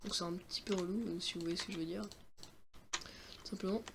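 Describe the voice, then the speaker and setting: A young man with a high, light voice keeps up a stream of joking, self-mocking commentary while playing a video game. He talks straight to his viewers with quick exclamations, and faint keyboard clicks and typing sit under his voice. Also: steady tone, vocal fry, noisy background. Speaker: gaming streamer. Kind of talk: let's-play commentary.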